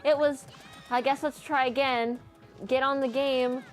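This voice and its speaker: A woman's voice: high-pitched, fairly even intonation, measured pace. A woman co-hosting a let's play, chatting casually and reacting to the game. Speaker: gaming co-host. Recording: game music behind voice. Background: video game music.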